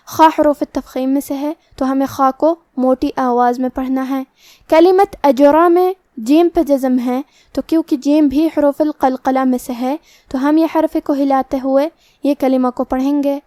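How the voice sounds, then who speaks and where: Woman explaining recitation rules, high steady voice, super dry close sound. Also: no echo. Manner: methodical, repeats rules in set phrases; slow drawn-out chanted recitation. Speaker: Quran recitation teacher. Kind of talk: step-by-step tajweed lesson.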